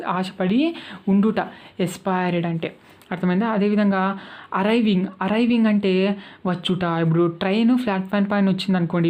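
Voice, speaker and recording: A woman's voice: fairly low pitch, dull audio. A woman with a Telugu accent teaching spoken English, patiently repeating each verb form and checking that her students follow.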